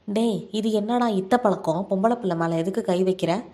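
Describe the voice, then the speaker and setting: A stern middle-aged village mother gives sharp, commanding orders to her children, read by a woman narrator. The voice is mellow and dark in colour. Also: mid-range voice, normal speed, natural voice.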